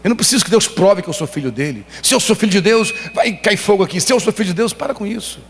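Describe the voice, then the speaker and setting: A Brazilian-accented pastor preaches with a fairly high voice, telling personal stories with emphatic, animated feeling. His voice rings through a church hall with a long reverb. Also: quick pace, slight background noise. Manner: emotional storytelling, emphatic and animated. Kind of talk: sermon.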